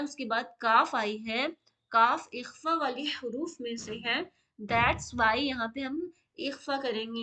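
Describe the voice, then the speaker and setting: A woman teaching a dua lesson, explaining tajweed slowly and repeating each word for listeners to follow. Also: a little high, pushed and bright. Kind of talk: Islamic lesson with tajweed drills.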